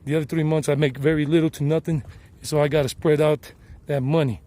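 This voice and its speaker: A man's voice: on the high side, little pitch movement, a little fast, warm tone. Rambling American man on a hike. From United States. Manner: chatty and rambling, with frequent restarts. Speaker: vlogger and tour guide. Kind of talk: casual hiking vlog. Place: outdoors on a hilltop trail near a highway. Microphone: handheld camera.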